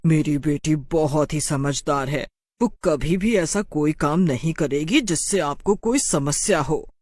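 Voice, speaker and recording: A woman's voice: low voice, unhurried, a little mellow, dry recording, studio quality. Woman voicing a fierce protective mother witch. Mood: doting. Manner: doting to her daughter, menacing when angry. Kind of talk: storybook narration.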